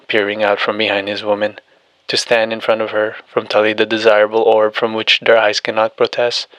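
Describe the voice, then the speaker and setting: A man narrating an audiobook and reading every character's lines in an even, steady delivery. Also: on the low side, no room sound, rough recording.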